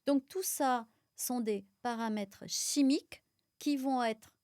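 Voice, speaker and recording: Here a clean-toned, slightly high female voice speaks slowly in a dry studio recording. She's a middle-aged French pharmacist and micronutrition expert from Auvergne, a podcast guest who explains nutrition animatedly, with lots of fillers.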